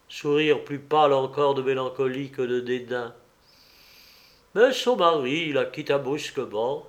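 A man narrating a novel as an audiobook, reading expressively and theatrically. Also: mid-range voice.

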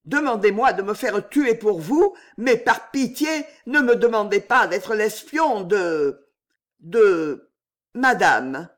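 Give me a man playing a seething servant, pleading in strained bursts, high and animated. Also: slow, full character voice. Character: tense humble servant man, seething hatred.

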